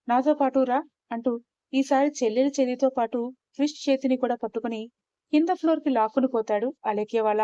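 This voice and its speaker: Woman reading a dramatic story, a bit high and mellow, dull dry audio. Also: no room sound. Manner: steady, expressive storytelling. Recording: slightly dull, muffled recording.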